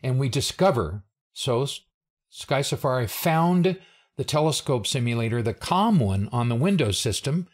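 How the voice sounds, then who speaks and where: A man's voice: mid-range voice, big pitch swings, normal speed. An older man presents a technical briefing in an explanatory, plain-spoken way, with informal asides. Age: older, 60s or above. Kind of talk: explanatory slide presentation narration.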